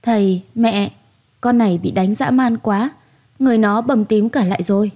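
Lady doing a fake-sweet young wife, sharp tongue, warm mellow voice, storybook reading. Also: medium pitch, moderate pace, lightly acted. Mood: urgent. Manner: sugary when asking, harsh and scolding when angry. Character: scheming young daughter-in-law, sweet-talking and sharp-tongued.

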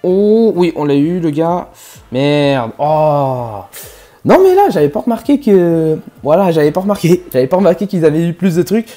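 A man giving live gameplay commentary, swearing often and swinging from low mutters to loud yells. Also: big pitch swings, moderate pace, faint music behind. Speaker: gaming YouTuber.

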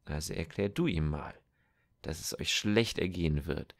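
A man's voice: low-pitched, moderate pace, no echo, clean studio sound. A man reading a cold soldier on horseback in an audiobook, condescending and lecturing.

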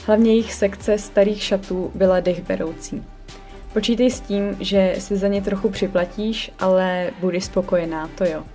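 A woman's voice: mid-range voice, steady tone, mellow. A young woman, a vlogger and shop owner, giving an upbeat, chatty scripted voice-over review. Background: faint background music.

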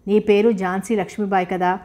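A playful young suitor coaxes and teases as he lays out his plan, voiced by a woman reading a novel aloud. The voice sits at a middle pitch. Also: little pitch movement, fairly quick, mellow, close to an everyday voice. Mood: teasing. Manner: teasing, persuasive.

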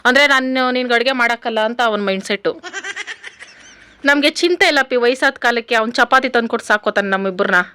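A chatty woman with a rural Karnataka Kannada accent talks to her viewers as friends while she cooks at home. Her voice sits a little high and moves quickly, picked up from a distance in a roomy house with faint background noise. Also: sharp tone. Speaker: home vlogger. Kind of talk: chatty cooking vlog.

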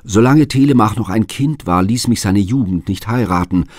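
A man's voice: fairly low pitch, moderate pace, a little mellow, dry recording, studio quality, natural voice. A man reading as a doubtful, dignified queen. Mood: pondering. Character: grieving noble queen, woman, doubtful and dignified.

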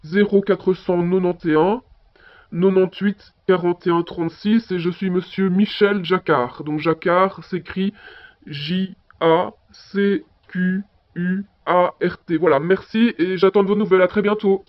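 Belgian French man, high voice, chatty answering machine message, muffled audio. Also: fairly even intonation, measured pace. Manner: chatty, fillers like voilà and hein. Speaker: caller. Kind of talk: phone message in a listening exercise.

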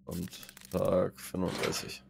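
A man casually commenting on his gameplay and reading the game's text aloud in a chatty, running flow, with loud game music underneath. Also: sits low, monotone, slow, gravelly, background noise. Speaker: let's play gamer.

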